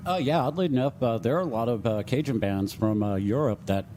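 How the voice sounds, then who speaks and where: A man's voice: mid-range voice, brisk, mellow, a little hiss or hum. A man from Wales, a guest accordion player, explaining things hesitantly with many fillers. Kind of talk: casual chat.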